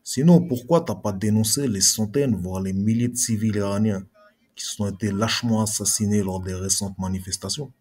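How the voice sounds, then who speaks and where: Man, husky voice, slightly low, combative, direct rebuttal monologue. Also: moderate pace, a little mellow. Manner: combative, addresses critic directly. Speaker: video blogger. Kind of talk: argumentative reply monologue.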